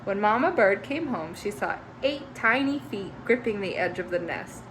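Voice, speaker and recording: A woman's voice: medium pitch, normal speed, background noise. Teacher lady reading a picture book to kids, bouncy sing-song voice, little asides. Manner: expressive, with chatty asides to young listeners. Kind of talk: reading a children's story aloud.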